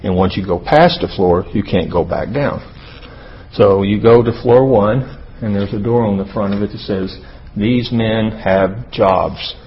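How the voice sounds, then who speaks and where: A man delivers a conversational sermon like a storyteller. His manner is casual and folksy, with pauses as he goes. The recording is slightly dull, with faint noise behind his voice. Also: lowish voice. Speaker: speaker at a church or marriage talk.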